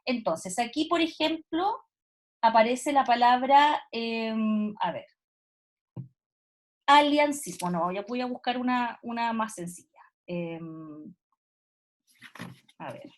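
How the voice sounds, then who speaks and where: Woman teacher on video call, high voice, patient explainer. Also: animated, slow, long pauses. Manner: explanatory, frequent "¿cierto?" check-ins. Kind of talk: online class explanation.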